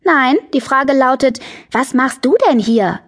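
A sharp-tongued little girl, put on by a woman reading an audiobook, snapping and mocking in a raised, pushed-up voice. She sounds bossy and condescending, a touch husky. It plays as a storybook character voice. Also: a little high, expressive, normal speed. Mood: snippy.

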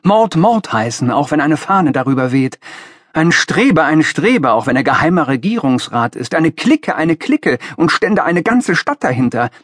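A man's voice: on the high side, sing-song, unhurried, slightly rough, no echo, clean studio sound, pitched above the performer's own voice, heavily acted. A man voicing an earnest, idealistic young man who speaks with passion and a raised voice in an audiobook reading. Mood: impassioned. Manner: impassioned, raised voice.

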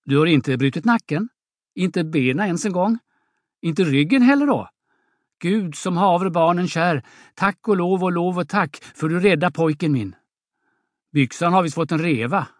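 A man reading an audiobook drama, voicing an aging peasant mother who scolds and frets with loud exclamations. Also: on the high side, expressive, no echo, clean studio sound, close to an everyday voice. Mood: relieved.

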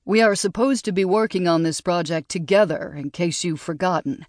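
A woman's voice: lowish voice, normal speed, dry recording, studio quality, natural voice. A woman voicing a condescending young male perfumer who needles his colleague. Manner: needling, patronizing.

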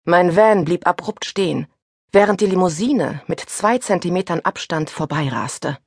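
A woman reading a first-person suspense audiobook aloud, with a husky voice that turns tense and breathless in the panic passages. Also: on the low side, animated, normal speed, dry recording, studio quality. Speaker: audiobook narrator. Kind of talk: scripted first-person narration.

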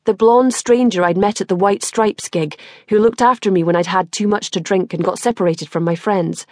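A woman reading a first-person audiobook with measured, wry storytelling. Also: mid-range voice, fairly even intonation, a little mellow, no echo, studio quality. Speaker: audiobook narrator.

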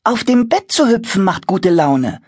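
A man voicing a curious, eager little boy in a children's audiobook, coaxing and lively. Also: high-pitched, moderate pace, husky, dry recording, voice pushed up, full character voice. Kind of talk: audiobook character voice.

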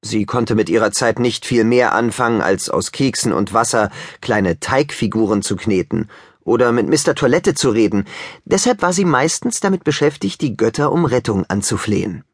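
A man's voice: fairly low pitch, expressive, normal speed, husky, no echo, studio quality. A man narrating a children's audiobook with wry, joking asides to the listeners.

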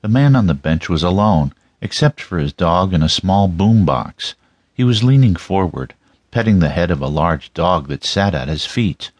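Very low-voiced male audiobook narrator. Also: lively intonation, normal speed, darkish tone, no room sound. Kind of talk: scripted first-person crime story narration.

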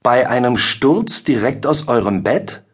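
A man voicing a two-faced court clerk who feigns concern while quietly gloating. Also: medium pitch, expressive, moderate pace, breathy edge. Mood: self-important. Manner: mock-concerned, needling.

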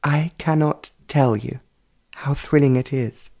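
A man's voice: mid-range voice, steady tone, unhurried, vocal fry, a little mellow, pitched above the performer's own voice. A man voicing a pretty young society woman who is dreamy and lovestruck, talking in a gushing, sighing way.

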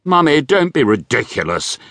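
A man voicing a gushing, brisk young woman. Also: on the high side, very animated, fairly bright tone, no echo, pitched above the performer's own voice. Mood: exasperated. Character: gushing toothy young upper-class English woman.

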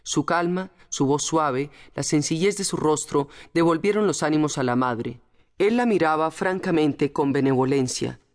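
A woman reading a novel aloud as audiobook narrator in a measured, dramatic manner. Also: low-pitched, darkish tone. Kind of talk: scripted narration.

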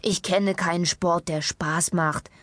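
A woman voicing a fretful, portly man in a storybook, whiny and pained, who protests in slow, drawn-out words. The recording is dry and close, with no room sound. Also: fairly high pitch, big pitch swings, dry recording, pitched above the performer's own voice, full character voice. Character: anxious, plump man allergic to sport.

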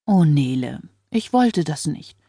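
A woman's voice: deep voice, sing-song, takes it slowly, warm tone, dry recording, clean studio sound, exaggerated voice. A woman reader voicing a controlling husband who scolds and soothes with menace. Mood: falsely tender.

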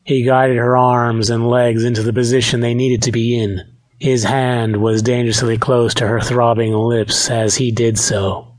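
A man reading a romance audiobook aloud, in a steady, measured narration. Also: mid-range voice. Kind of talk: scripted narration.

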